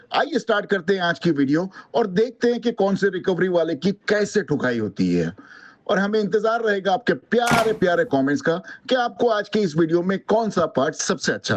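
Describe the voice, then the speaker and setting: A man's voice: high voice, lo-fi sound. A man hosting a consumer-advice channel, giving an upbeat, promotional scripted intro. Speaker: channel host.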